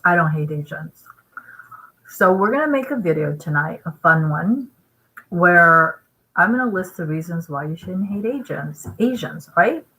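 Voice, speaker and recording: A woman from Vietnam talks straight to her vlog viewers in a low voice. She rambles and pushes her points hard, tagging them with "right?" as she eats. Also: animated, measured pace, bright, forceful tone, poor audio. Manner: rambling, emphatic, with frequent "right?" asides; eating while talking. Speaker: vlogger. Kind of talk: casual talking-head vlog.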